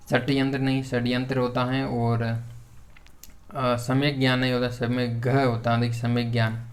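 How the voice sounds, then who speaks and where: A man with a Hindi accent teaching an exam-prep grammar lesson, hesitant with many fillers and restarts, repeating corrections over and over. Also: mid-range voice. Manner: repetitive corrective phrasing.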